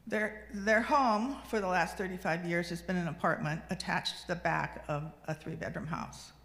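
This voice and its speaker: A woman's voice: lowish voice, vocal fry. A woman in her sixties, a lay speaker giving a personal reflection talk at a congregation, telling stories conversationally with frequent ums and restarts. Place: fellowship meeting hall. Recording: long hall reverb on a livestream.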